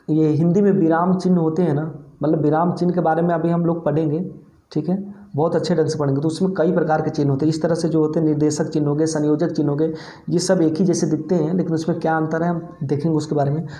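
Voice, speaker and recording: A man's voice: a little high, dark tone, reverberant. A male teacher giving an exam-prep grammar lesson, explaining step by step and asking and answering his own questions.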